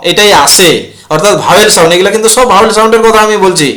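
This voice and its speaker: In a classroom grammar lesson on English rules, a male teacher keeps repeating himself, asking questions and then supplying the answers. He races along in a high, pushed, bright voice.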